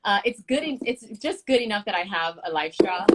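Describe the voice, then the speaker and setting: A woman in her thirties hosting a casual live-stream chat, excitable and quick to laugh, swearing casually. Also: mid-range voice, heavy background noise. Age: 30s. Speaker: show host.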